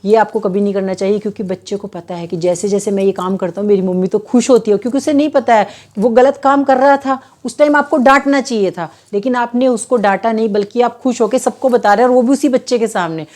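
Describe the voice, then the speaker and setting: Mellow-voiced woman giving earnest parenting advice. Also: fairly high pitch, quick pace, hardly any pauses. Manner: chatty and earnest, often checks in with the listener, acts out quoted mothers. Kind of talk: casual advice talk to camera.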